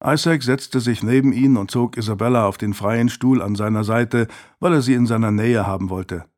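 A male narrator reading a novel in a calm, measured way. His pitch sits in the middle range. The delivery is steady scripted narration. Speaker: audiobook narrator.

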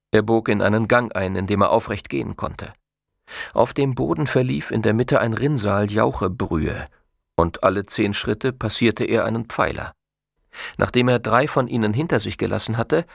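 A man's voice: fairly low pitch, creaky, dry recording, clean studio sound. A man narrating a novel as an audiobook, reading expressively. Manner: expressive storytelling. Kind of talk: scripted narration.

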